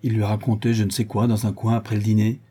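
Calm male narrator for a novel, husky and mellow. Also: fairly low pitch, fast talker. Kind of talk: audiobook narration.

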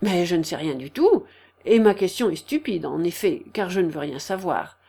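A woman playing a loud, jolly bon vivant. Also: expressive, moderate pace, creaky, slightly rough, full character voice. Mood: bantering. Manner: booming, laughing, cheerful chatter. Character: jovial hearty middle-aged man, loud bon vivant. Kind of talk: audiobook character reading.

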